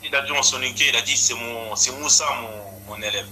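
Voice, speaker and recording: A man's voice: mid-range voice, a little fast, a little hiss or hum, poor audio. A young man in casual chat, recalling old stories and often chiming in with agreement. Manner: relaxed, frequent agreeing interjections.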